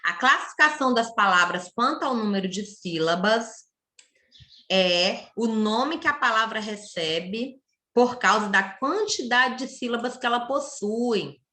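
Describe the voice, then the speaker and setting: A woman teaches young children online, breaking words into syllables slowly and patiently. Her voice is bright and rises and falls a lot as she guides them. The room around her is echoey. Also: a little high, expressive. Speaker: primary school teacher. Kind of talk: online class lesson.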